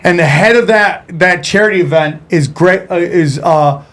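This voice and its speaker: A stand-up comedian, a man, telling profane stories in a casual, animated way and acting out the people in them. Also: high-pitched, normal speed. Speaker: stand-up comedian, podcast guest. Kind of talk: casual storytelling.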